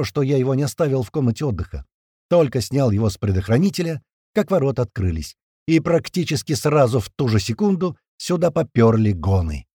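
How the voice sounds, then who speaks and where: A man giving a lively, tense first-person audiobook narration. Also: medium pitch, no room sound, clean studio sound.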